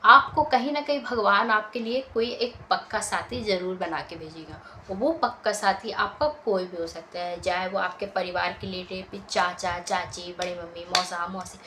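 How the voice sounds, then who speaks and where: A woman's voice: lowish voice, moderate pace, hardly any pauses, bright, forceful tone, low-quality recording. A young woman, telling a story from her school days in a casual vlog and repeating her phrases often. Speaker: vlogger. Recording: faint background noise.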